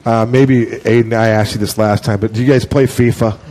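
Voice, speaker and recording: A man's voice: lowish voice, steady tone, a little fast, darkish tone. A man hosting a college sports show, asking players long, joking questions in a chatty way. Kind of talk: casual sports talk show.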